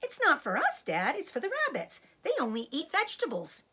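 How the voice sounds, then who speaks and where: Woman as a high-pitched little fox boy. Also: wildly swooping pitch, fairly quick, sharp tone, heavily acted. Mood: earnest, pleading. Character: small earnest young male fox, kind son.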